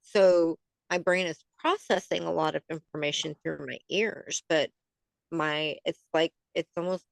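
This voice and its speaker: A woman co-hosting a casual podcast, talking in a fairly low voice. She reads card text and chats, tripping over words and laughing along. The sound is dry and close. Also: steady tone, a little slow, creaky, no room sound. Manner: chatty, stumbles over words, laughs often. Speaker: podcast co-host. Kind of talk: casual chat and oracle card reading.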